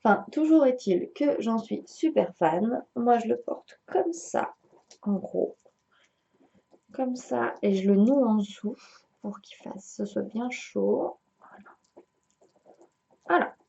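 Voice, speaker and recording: A woman's voice: on the high side, animated, takes it slowly, creaky, pauses often, dark tone, lo-fi sound. A young woman chatting casually to camera on her knitting podcast, full of fillers and giggly asides.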